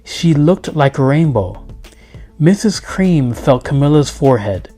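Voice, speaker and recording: A man narrating a children's picture book in a measured, expressive storytelling manner. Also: on the high side. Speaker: read-aloud storyteller. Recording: music behind the voice. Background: background music.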